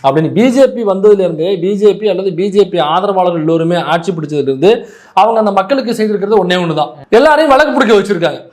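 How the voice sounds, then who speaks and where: Man, political speech, emphatic, argumentative, rapid. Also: high-pitched, animated. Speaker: political speaker. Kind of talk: public speech.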